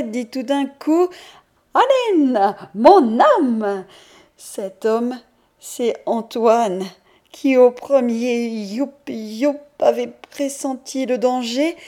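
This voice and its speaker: A woman reading a novel aloud as an audiobook narrator, in a measured, expressive literary manner. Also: on the high side. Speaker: audiobook reader.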